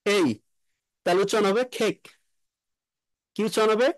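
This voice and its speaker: A man's voice: high-pitched, fairly even intonation, dry recording. Dry-voiced man teaching pronunciation. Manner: repeats words slowly for students, asks questions. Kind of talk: classroom lesson in a room.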